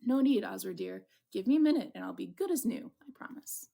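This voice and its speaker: A wounded romantic hero as acted by a woman in a visual novel, flirtatious and full of theatrical bravado. The voice has a noticeable creak and sits at an ordinary pitch for a female reader. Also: lively intonation, fast, warm tone. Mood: playful bravado. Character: Julian, wounded flirtatious man, dramatic and lovestruck narrator. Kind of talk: dramatic visual novel reading.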